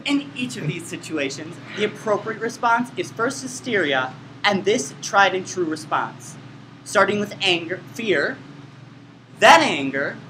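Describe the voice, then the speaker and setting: A man performing a comedy skit, giving deadpan mock-instructional narration. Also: high voice, a little slow. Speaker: student performer. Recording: roomy, noisy room.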